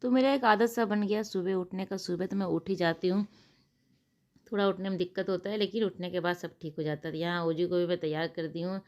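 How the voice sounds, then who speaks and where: A woman's voice: lowish voice, steady tone, a little fast, darkish tone. A young adult woman, a vlogger and mother, chatting through her daily routine in a homely voice-over and often rephrasing herself.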